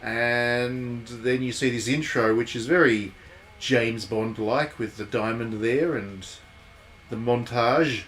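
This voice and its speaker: A man with a mid-range voice talks slowly, rambling and thinking aloud as he streams a visual novel and gives casual live commentary. Faint music plays behind him over steady background noise.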